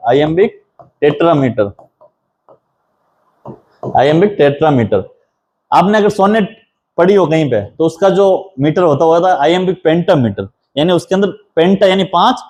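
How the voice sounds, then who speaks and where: A male assistant professor, giving a lecture on a poem. He reads the lines slowly, explains each one, and repeats key terms as he counts them out. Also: high voice, darkish tone. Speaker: assistant professor teaching English literature.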